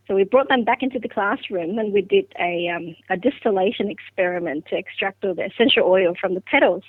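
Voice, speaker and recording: A woman's voice: mid-range voice, no room sound. A middle-aged woman from Vietnam, whose first language is Vietnamese, recalls her path into science in a podcast interview, reflective and full of fillers and restarts. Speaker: guest scientist. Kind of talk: podcast interview, personal story. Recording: dry, phone-like line.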